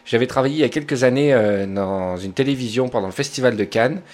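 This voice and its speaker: A man's voice: mid-range voice, quick pace, darkish tone. A man in his thirties with a Southern French accent, hosting a podcast and telling rambling, digressive anecdotes in casual chat. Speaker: podcast host.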